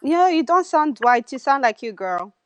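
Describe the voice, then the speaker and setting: A woman's voice: high-pitched, big pitch swings, normal speed, dry recording. A woman with an African accent in a casual group discussion, often repeating words as she interjects. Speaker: panelist.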